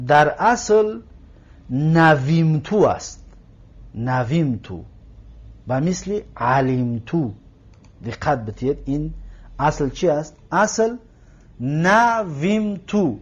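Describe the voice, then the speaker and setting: Man, grammar teacher, slightly high voice, repeats words patiently, muffled lo-fi sound. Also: darkish tone. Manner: explains slowly, repeats words, checks the listener. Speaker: Arabic teacher. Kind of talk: grammar lesson. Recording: dull lo-fi recording.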